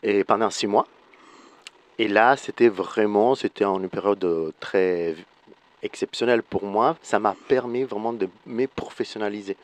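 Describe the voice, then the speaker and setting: A man from Florence in his forties, a native Italian speaker with an Italian accent, talks as a guest in a radio interview. His voice sits somewhat low. He speaks thoughtfully, often restarting as he searches for the right French word. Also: a little slow. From Italy, Florence. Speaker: guest choreographer and dancer.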